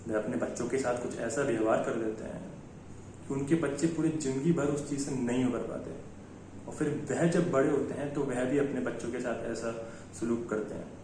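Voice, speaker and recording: A man's voice: mid-range voice, fairly even intonation, normal speed, darkish tone. A man hosting a college event, giving an earnest stage introduction and posing rhetorical questions. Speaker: event host introducing an act. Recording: very echoey hall, distant mic, faint noise.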